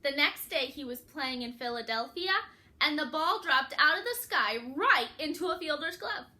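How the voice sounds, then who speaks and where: Here a storyteller reads a picture book to young children, asking them questions and delivering lines expressively with dramatic emphasis. She has a high, animated voice with a sharp tone, moving at a moderate pace.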